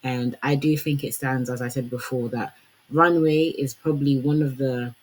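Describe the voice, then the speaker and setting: Young female commentator, husky voice, talks casually and thinks out loud. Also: rumbling low, fairly even intonation, moderate pace, low-quality recording. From Congolese heritage. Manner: conversational, lots of fillers like "like" and "you know". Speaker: fashion commentator.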